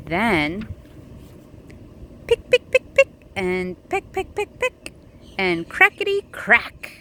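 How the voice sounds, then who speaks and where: A woman reads a picture book aloud slowly and patiently, her pitch swinging widely as she dramatizes the story for a young listener. She's expressive and asks the child questions, with light background noise in the recording.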